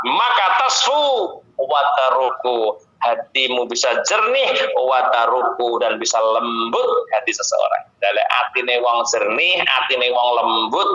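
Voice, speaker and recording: A man's voice: on the high side, bright, forceful tone. A man with a Javanese accent preaching a sermon, reciting Arabic and then explaining it, and often speaking straight to his listeners. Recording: echoey, dull lo-fi recording.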